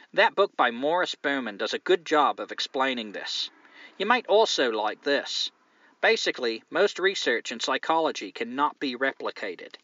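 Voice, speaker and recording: A man's voice: medium pitch, pushed and bright, dry recording, muffled recording. A man voicing a woman listener from New Zealand in a put-on mock Australian accent, reading her letter aloud.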